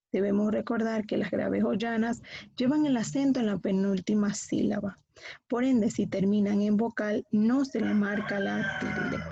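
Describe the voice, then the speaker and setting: Gravelly teacher woman explaining step by step. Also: on the high side, mellow, dry recording. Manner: explains step by step, asks and answers her own questions. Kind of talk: recorded classroom lesson. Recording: dull, lo-fi recording.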